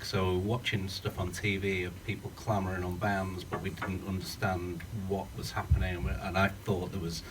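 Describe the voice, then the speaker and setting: A man's voice: deep voice, flat delivery, normal speed, hardly any pauses, background noise. A man from the UK, a film's writer-director, earnestly thinking aloud at a post-screening Q&A in a screening room without a working mic. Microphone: no working mic, speaking up. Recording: distant room sound.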